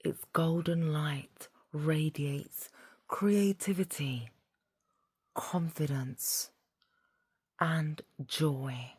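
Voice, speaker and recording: A woman leading a guided meditation in a soft, half-whispered voice, soothing and deliberate, phrase by phrase. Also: sits low, slightly rough, dry recording.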